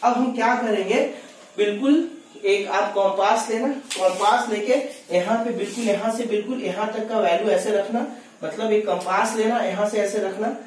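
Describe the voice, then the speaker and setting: Guy teaching maths, kinda high voice, slow careful explaining, very echoey room, mic far off. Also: fairly even intonation. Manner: talks to students as kids, reads questions slowly, explains step by step. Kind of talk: exam solution lesson. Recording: very echoey room, distant mic, faint noise.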